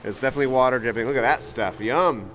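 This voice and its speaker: A man's voice: medium pitch, fast talker, a bit bright, slight background noise. A man hosting an outdoor vlog, chatting and laughing as his voice echoes inside a tunnel under a bridge. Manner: upbeat, chatty, laughs often. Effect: echoing tunnel reverb. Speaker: vlog host, fossil hunter. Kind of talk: casual outdoor vlog chat.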